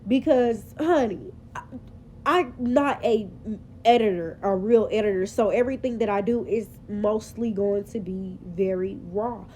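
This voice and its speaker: Chatty woman with a mellow voice. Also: medium pitch, a little slow, slight background noise, rough recording. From Memphis, Tennessee, US. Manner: chatty, sassy, rambling with fillers. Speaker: vlogger. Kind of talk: casual confessional vlog. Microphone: phone camera.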